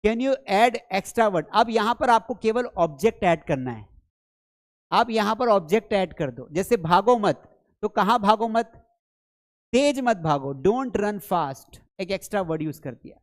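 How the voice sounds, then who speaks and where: Slow man teaching English. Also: high-pitched, lively intonation. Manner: slow, drills phrases by repeating them; addresses viewers as children. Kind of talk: live online lesson.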